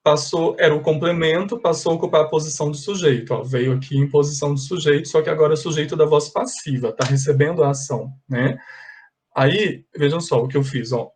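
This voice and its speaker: A man's voice: a little high, brisk. A man teaching an English class online, patiently correcting exercises step by step and slipping in English phrases.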